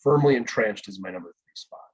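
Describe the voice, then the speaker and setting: A man co-hosting a casual podcast chat over a video call, animated and laughing often. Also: on the low side, fast, husky, muffled recording. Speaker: podcast co-host.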